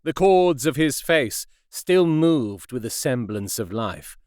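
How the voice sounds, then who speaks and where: A man narrating a classic novel as an audiobook in a measured, expressive way. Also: medium pitch, no echo, studio quality. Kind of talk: scripted narration.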